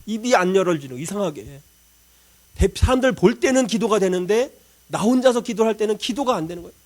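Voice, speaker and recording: A pastor with a high voice for a man preaches from the pulpit. He tells a personal story with plenty of feeling and acts out his own prayers. He swings from loud, urgent pleading down to near-whispered murmurs. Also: lively intonation, fast talker. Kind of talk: sermon.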